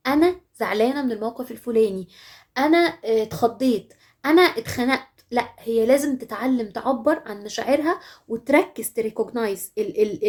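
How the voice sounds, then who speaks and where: A woman's voice: a little high, darkish tone. A woman with an Egyptian Arabic accent giving earnest, direct advice to mothers in a monologue. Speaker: parenting advice host.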